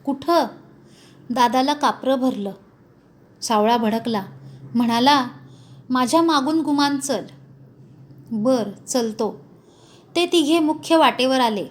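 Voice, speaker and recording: A woman reading a story aloud with dramatic narration. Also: high-pitched. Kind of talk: storybook narration of a school text.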